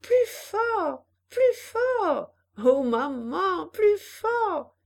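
A woman reading aloud, voicing a proud, excitable young woman who calls out in a raised, high voice. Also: measured pace. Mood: exhilarated. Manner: high calling cries.

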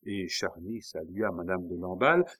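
A man reading a novel aloud in a measured, dramatic way. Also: sits low, lively intonation, fairly bright tone, no room sound. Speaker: audiobook reader. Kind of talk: novel narration.

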